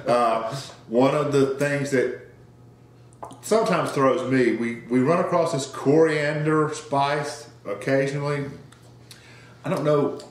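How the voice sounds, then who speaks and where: A man's voice: mid-range voice, steady tone, slow pace, reverberant. A man co-hosting a casual beer review chat, reading notes with fillers and restarts. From North Carolina. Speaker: beer review podcast co-host.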